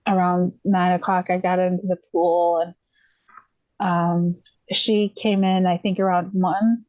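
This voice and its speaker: A woman's voice: on the low side, little pitch movement, a little slow, no room sound, phone-quality sound. Dry-sounding woman from the USA, rambling. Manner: rambling, many fillers and restarts; laughs lightly while telling. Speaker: podcast guest. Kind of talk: casual storytelling.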